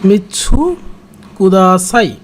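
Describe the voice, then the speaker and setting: A Japanese language teacher giving a kanji writing lesson, talking slowly and repeating each word with frequent hesitant pauses. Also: medium pitch, lively intonation, a little hiss or hum.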